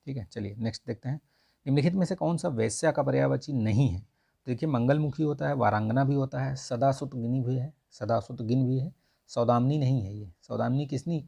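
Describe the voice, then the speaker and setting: A man explaining test answers in a relaxed, chatty lesson, often pausing to check his listeners are following. His voice is gravelly and husky, with a mellow, dark tone. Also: medium pitch. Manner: conversational, repeats "ठीक है" often. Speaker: exam prep tutor.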